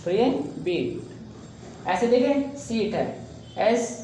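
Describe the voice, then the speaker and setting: A man's voice: high-pitched, normal speed, slight background noise. Man teaching in a very echoey room. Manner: keeps addressing viewers as "guys", stretching and repeating demo sounds. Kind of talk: casual video lesson.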